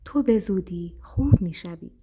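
A woman voicing a wise, gentle old crow healer in a children's story, speaking softly and calmly. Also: mid-range voice, slightly rough. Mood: soothing. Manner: soft and calming.

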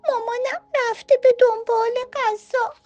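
Baby ant, storybook creature, squeaky, tearful, wailing, very high. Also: female voice, fairly even intonation, darkish tone, lo-fi sound. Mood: sad. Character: tiny lost baby ant, weepy and small.

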